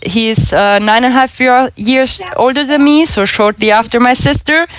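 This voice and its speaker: A woman from Spain with a German accent in English, chatting as a podcast guest, self-deprecating and quick to laugh. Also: on the high side, dull audio. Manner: chatty, self-deprecating, frequent laughter, small grammar slips. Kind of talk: casual podcast chat.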